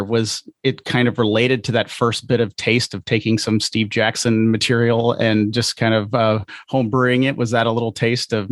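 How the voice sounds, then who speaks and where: A middle-aged American man hosts a casual podcast interview, asking meandering, hesitant questions. His voice is medium-pitched, with no room sound.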